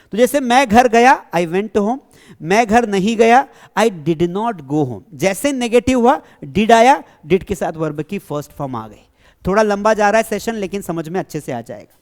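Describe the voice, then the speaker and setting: A man's voice: high voice, a little mellow. Male teacher checking the class understands. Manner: asks questions and then answers them himself. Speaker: English grammar teacher. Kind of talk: classroom lesson explaining tenses.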